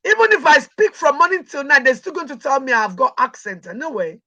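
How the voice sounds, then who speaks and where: A middle-aged Nigerian woman with a Nigerian accent speaks as an interview guest, emphatic and proud, repeating words for stress. Her voice sits high and is very animated, fairly quick, bright, and forceful.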